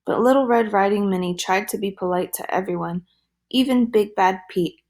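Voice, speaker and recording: A woman reading a children's storybook aloud in a gentle, lively storytelling manner. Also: medium pitch, normal speed.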